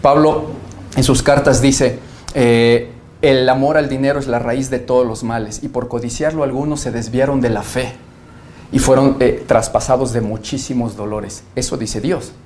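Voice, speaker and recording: A man speaks as a pastor being interviewed, his voice sitting at a middle pitch. He argues earnestly and emphatically, leaning on scripture quotes. Faint noise sits under the recording. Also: steady tone, normal speed, darkish tone. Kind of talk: interview answer, preaching.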